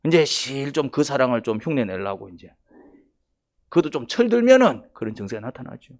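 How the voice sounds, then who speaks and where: 경상도 사투리로 설교하는 남성 목사로, 조용하게 말하다가도 크게 힘주어 외치며 강조합니다. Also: male voice, mid-range voice, very animated, fairly quick. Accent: Gyeongsang Korean. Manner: dialect-heavy, emphatic, swings from quiet to loud. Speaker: pastor. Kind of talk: sermon.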